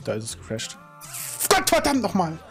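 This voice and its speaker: A man in his late twenties streaming games, panicking, raging, shouting and swearing in casual slang at a desk microphone. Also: sits high, huge pitch swings, moderate pace, soft background music. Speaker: game streamer. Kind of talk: live gaming stream reactions, casual slangy German chat. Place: small room at home, streaming setup.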